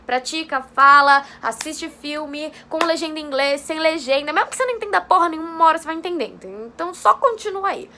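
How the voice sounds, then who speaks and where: A woman's voice: high voice, fast talker, hardly any pauses, background noise. A young Brazilian woman with a chatty, informal manner, giving a casual online English lesson and checking in often with her viewers. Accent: Brazilian Portuguese. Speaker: English teacher.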